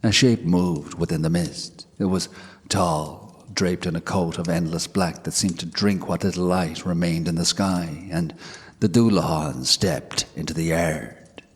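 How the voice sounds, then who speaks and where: A man narrating a scripted ghost story in a measured, hushed way. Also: sits low, breathy edge. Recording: long hall reverb.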